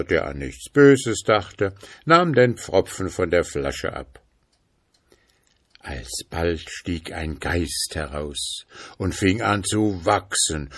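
A man reading an old fairy tale aloud in an expressive storytelling manner. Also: low voice, no room sound, clean studio sound.

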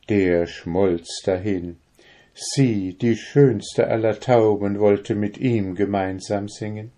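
Male narrator for a fairy tale, slow and mellow. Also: on the low side. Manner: calm, unhurried. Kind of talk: storybook reading.

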